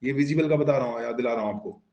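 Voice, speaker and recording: A man's voice: medium pitch, rapid-fire, mellow, reverberant, muffled recording. A man teaching a physics class online, coaxing his students with questions, answering them himself and mixing English terms into his explanations.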